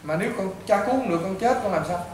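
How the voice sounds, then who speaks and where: A man's voice: high voice, lively intonation, racing. A man with a Southern Vietnamese accent, a priest and healer, counseling a patient bluntly and repetitively, as if to his own child. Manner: blunt, repetitive, lecturing, addressing the listener as a child. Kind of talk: informal counseling talk to a patient. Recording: echoey and distant with loud background noise.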